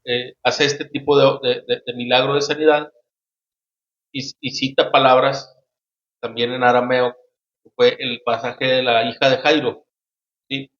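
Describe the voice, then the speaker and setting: A man hosting a casual Bible study discussion, speaking haltingly with many restarts and frequent tag questions. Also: mid-range voice, level tone, fairly bright tone. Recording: roomy, dull lo-fi sound.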